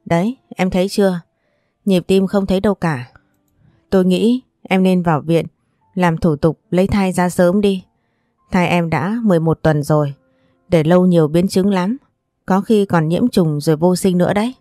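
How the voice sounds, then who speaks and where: A woman's voice: fairly low pitch, normal speed, mellow, no room sound, clean studio sound, soft background music, lightly acted. A woman voicing a blunt, weary middle-aged doctor in a story, speaking matter-of-factly. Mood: curt.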